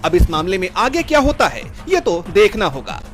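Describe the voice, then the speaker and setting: A man narrates a news report with a high, animated voice. It is scripted voice-over with faint music behind him. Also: normal speed. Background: music bed.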